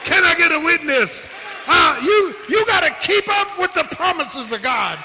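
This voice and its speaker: Man, pastor, call-and-response sermon, bright and sharp, lively pitch. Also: normal speed, a faint crowd, a little hiss or hum. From South Philadelphia. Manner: call-and-response preaching, repeats words, rising to shouts. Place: church sanctuary. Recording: long hall reverb.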